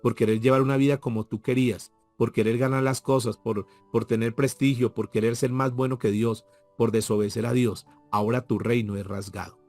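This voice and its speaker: A male pastor delivers a sermon. He moves between emphatic points and soft, quiet asides to his listeners. The sound is dry, with faint music in the background. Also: mid-range voice, steady tone, fairly quick, no echo. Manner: preaching with sudden drops to soft asides. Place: church, evening service.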